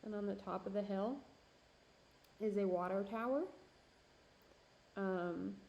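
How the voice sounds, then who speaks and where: A young woman from the Twin Cities area chats loosely with her stream while doing pottery at home, laughing often and using plenty of fillers as her voice begins to fade. Her mid-range voice is steady, slow and a little mellow, with vocal fry, and the sound is lo-fi.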